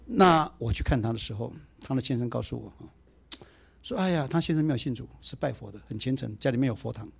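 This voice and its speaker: A man preaching a sermon in a conversational way, swinging between emphatic points and soft, quiet asides. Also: medium pitch, lively intonation, fast talker, gravelly, husky.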